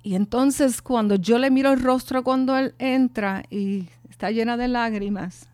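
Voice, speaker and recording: A middle-aged woman speaking earnestly and from the heart, telling her own story of grief with pauses and restarts. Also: fairly high pitch, darkish tone, clean tone, no room sound, clean studio sound. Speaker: bereaved mother sharing her testimony. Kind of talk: personal testimony and talk on grief.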